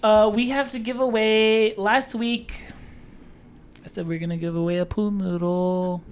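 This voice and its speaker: A woman's voice: medium pitch, steady tone, moderate pace, clear, resonant tone. A young woman co-hosting a casual podcast, playfully running a giveaway segment. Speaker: podcast co-host.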